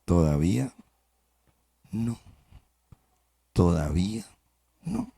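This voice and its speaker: A patient, smiling master potter, low and quiet, as a preacher puts him on. His answers come slow and gentle, dropped well below the telling voice. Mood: calm. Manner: calm, soft, unhurried, smiling. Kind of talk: sermon storytelling.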